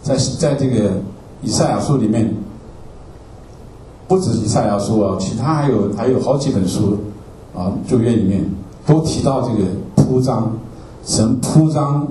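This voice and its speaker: A fairly low, warm male voice leads a Bible class from slides, explaining each word and repeating himself, ending phrases with "ah" and often asking "okay?". It's recorded through a roomy, distant mic with faint ambience and a little hiss or hum.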